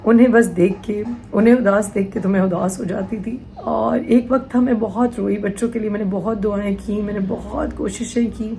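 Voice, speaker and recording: A woman's voice: medium pitch, fairly even intonation, creaky, few pauses, dark tone, soft background music, rough recording. Emotional woman pleading to camera. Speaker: vlogger answering viewer questions. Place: small hot room indoors at home. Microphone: camera in front of her. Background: faint household sounds from outside.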